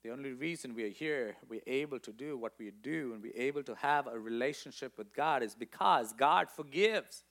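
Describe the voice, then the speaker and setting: A middle-aged male pastor preaching a sermon, reading scripture aloud and stopping to comment, moving between loud emphatic lines and quiet low ones. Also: normal speed, few pauses.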